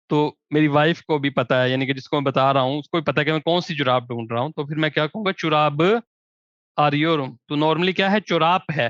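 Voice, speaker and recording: A man teaching grammar as a language teacher, giving examples in slow, drawn-out words between quicker explanation. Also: a little high, a bit bright, no echo. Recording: dry, dull lo-fi recording.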